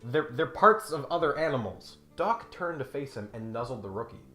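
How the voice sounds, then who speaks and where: A man hosts a comedic critique video, narrating a script in a mock-serious way and breaking off for exasperated, sardonic asides. His voice is medium-pitched, expressive and sharp at a normal speed, and faint music plays behind him in a roomy-sounding recording.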